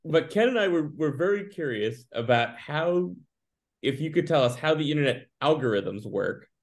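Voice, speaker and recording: A man's voice: a little high, animated, normal speed. Rambling, joking man co-hosting a podcast. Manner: rambling, self-correcting, joking. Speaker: podcast co-host. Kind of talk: casual interview chat. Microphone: video call.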